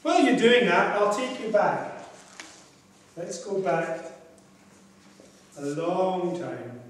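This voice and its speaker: Older man, club speech, slow measured storytelling, far from the mic, heavy hall echo. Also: sits high, animated, slight background noise. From Scotland. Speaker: club speaker.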